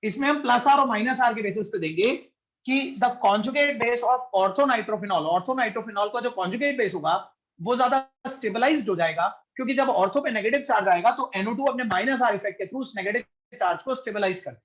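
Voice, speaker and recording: A man's voice: extremely high pitch, normal speed, fairly bright tone. A male chemistry teacher giving a classroom lecture to students in the room and online, explaining step by step and often checking that they follow, with English science terms mixed into his Hindi.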